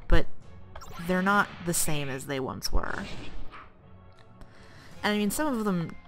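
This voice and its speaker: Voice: mid-range voice, lively intonation, slow, music in the background. A let's play commentator rambling casually about games while playing, with asides to the action. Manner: rambling, chatty, with fillers and asides to the game.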